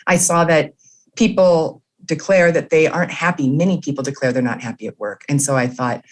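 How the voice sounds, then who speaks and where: A woman, a leadership author and coach, explaining her ideas earnestly and warmly as an interview guest. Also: low voice, fairly quick.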